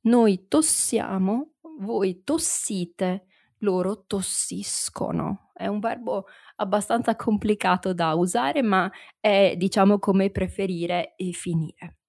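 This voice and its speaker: A woman teaching a language lesson, her voice still slightly hoarse from the flu, talking slowly and repeating words for learners. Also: mid-range voice, darkish tone, no room sound, clean studio sound. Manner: slow and deliberate, repeats and conjugates words for learners. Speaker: language teacher and podcast host.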